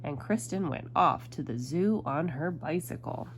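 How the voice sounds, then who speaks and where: A woman reading a picture book aloud to a child at home, with a lively storybook delivery. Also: deep voice, measured pace, slight background noise, low-quality recording.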